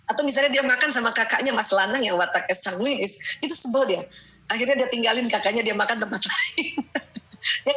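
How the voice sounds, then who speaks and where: A middle-aged woman leads a parenting seminar in a bright, slightly high voice. Her delivery is animated and full of laughter, with a habit of tucking "ya" between her points. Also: rough recording. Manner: lively, often laughing, quotes her children; peppers sentences with "ya". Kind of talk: seminar talk to an audience.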